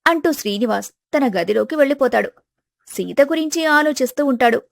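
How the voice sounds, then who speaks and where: A woman narrating a storybook tale in a plain, even manner. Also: high voice, a little fast, vocal fry, no room sound, studio quality. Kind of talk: scripted narration.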